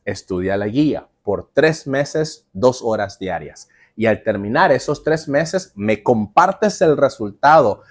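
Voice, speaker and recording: A male teacher gives an online lesson and talks straight to the viewer. His pitch rises and falls a great deal, and it sits in the middle of the range. He sounds lively and makes playful promises. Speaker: English teacher for call center jobs.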